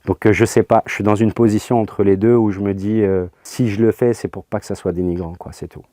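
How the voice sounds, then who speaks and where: Casting: young French man, low dark voice, easygoing and hesitant, dry close sound, comedian being interviewed. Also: steady tone, a little fast, dry recording. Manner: laid-back, hesitant, many fillers. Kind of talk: casual interview answers.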